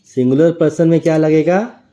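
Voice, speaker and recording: Man teaching grammar with a dark voice. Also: fairly high pitch, normal speed, dull audio. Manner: explains step by step, checks with a tag question. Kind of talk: grammar lesson.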